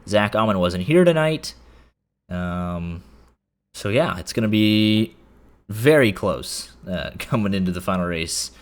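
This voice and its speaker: A man's voice: on the low side, expressive, measured pace. A man broadcasting post-race interviews with sim racing drivers, chatty and full of fillers. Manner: chatty, filler-heavy, stumbles and laughs.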